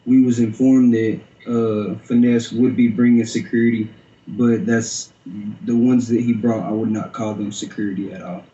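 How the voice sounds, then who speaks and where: A man's voice: fairly low pitch, level tone, moderate pace, warm tone, dull audio. A man giving an informal interview account as a security guard. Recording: roomy echo.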